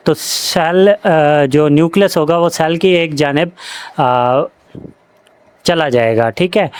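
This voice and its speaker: Clear-voiced man teaching in Urdu. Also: on the high side, no echo. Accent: Pakistani Urdu. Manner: reads options aloud, frequent fillers and self-corrections. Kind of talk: exam question walkthrough.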